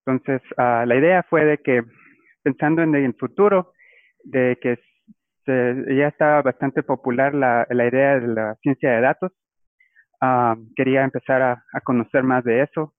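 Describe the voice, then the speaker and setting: A man's voice: medium pitch, dry recording. A man from Guatemala, a guest explaining his career in a casual interview. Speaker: guest, data scientist. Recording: tinny phone-like line, dry.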